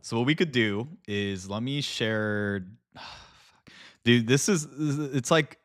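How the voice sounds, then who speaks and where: A man livestreams a casual chat with viewers, talking informally with slang and some swearing; he's a live streamer and video creator. His voice is medium-pitched, slow and fairly bright.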